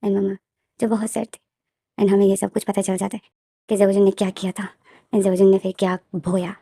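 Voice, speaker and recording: A woman's voice: medium pitch, flat delivery, fairly quick, creaky, dark tone, breathy edge, no echo, studio quality. A woman retelling her own fan story in a long, run-on narration full of fillers. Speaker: fanfiction storyteller.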